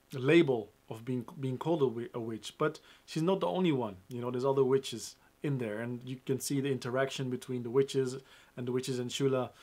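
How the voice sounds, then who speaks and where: A man's voice: medium pitch, a little mellow. Young male presenter reviewing a film. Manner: upbeat, emphatic, addresses viewers directly. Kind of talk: scripted film review to camera.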